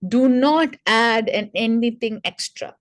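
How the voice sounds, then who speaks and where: A woman's voice: fairly high pitch, slow. A woman speech therapist giving an educational talk to parents, explaining in a conversational way and sounding out speech sounds as examples. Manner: addresses listeners directly, conversational asides.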